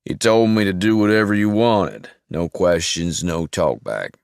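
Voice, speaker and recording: A man voicing a slow, heavy-set rural nephew who talks in a drawling, deferential way. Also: low-pitched, gravelly, clean tone, no echo, clean studio sound. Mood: meek.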